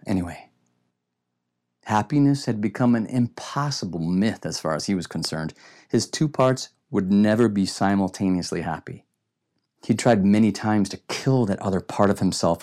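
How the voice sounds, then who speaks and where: A man narrating an audiobook in a measured, reflective way. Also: fairly low pitch, a little mellow. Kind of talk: scripted narration.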